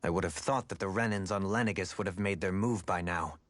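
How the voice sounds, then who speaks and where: Man acting a composed, low-voiced gentleman adviser. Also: dry recording, natural voice. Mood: composed, pensive. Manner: measured, formal, old-fashioned phrasing. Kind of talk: video game voice acting.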